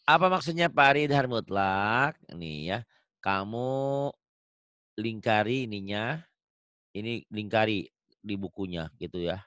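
A man teaching a one-on-one Quran recitation lesson, patient and deliberate, repeating each rule slowly. His voice is bright and forceful, recorded dry and close. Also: on the low side, lively intonation, smooth, no room sound.

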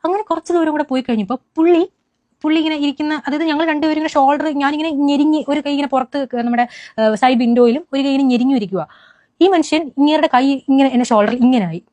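A young woman giving an animated first-person account to a news interviewer, with frequent restarts and fillers. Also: high voice, fast, no room sound.

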